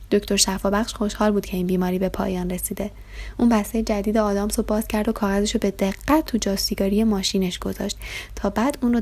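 A woman reading a children's story aloud, slow and gentle, sometimes dropping to a breathy near-whisper. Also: medium pitch.

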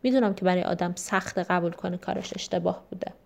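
A loving mother, calm and forgiving. A woman reader voices her. Her speech is steady and reassuring. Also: fairly low pitch, vocal fry. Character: warm, understanding mother.

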